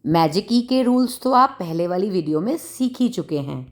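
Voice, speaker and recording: A woman teaching a phonics lesson, slowly spelling out sounds and repeating example words. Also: medium pitch, expressive. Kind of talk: phonics lesson narration in Hindi with English.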